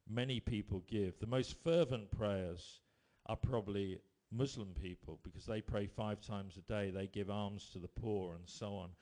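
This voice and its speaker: A man preaching a sermon, telling stories with emphatic rises and quiet drops. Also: lowish voice, normal speed, few pauses. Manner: storytelling, rising to emphatic bursts then dropping quiet.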